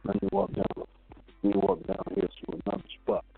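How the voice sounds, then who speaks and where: A man calling into a radio show, talking in a halting way full of fillers, his voice coming through a muffled phone line that sounds underwater. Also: low voice, flat delivery, creaky. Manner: halting, filler-heavy, rambling. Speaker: caller. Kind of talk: call-in radio chat.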